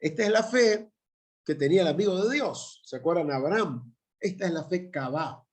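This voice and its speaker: A man's voice: sits high, expressive, moderate pace. A middle-aged man with an Argentine accent, a pastor teaching a Bible class in an emphatic way, often checking in with his listeners through tag questions. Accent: Argentine Spanish. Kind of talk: Bible institute lecture.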